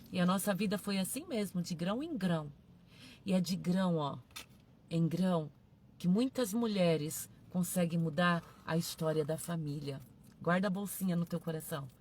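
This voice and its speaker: A woman's voice: lowish voice, darkish tone, a little hiss or hum. A woman pastor, preaching a sermon emphatically, repeating her phrases and calling out to her listeners.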